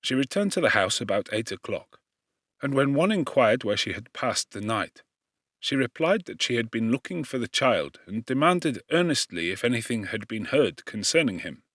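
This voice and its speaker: A male audiobook narrator with a mid-pitched voice reads literary fiction in a solemn, expressive, measured style, like formal dramatic storytelling. The recording is dry, with no room sound around his voice.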